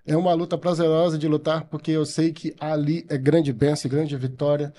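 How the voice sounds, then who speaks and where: A man's voice: fairly high pitch, flat delivery, brisk, dark tone, a little hiss or hum. A man who coordinates a Sunday school, earnestly telling his faith story in a podcast interview. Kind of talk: casual testimony in a podcast interview.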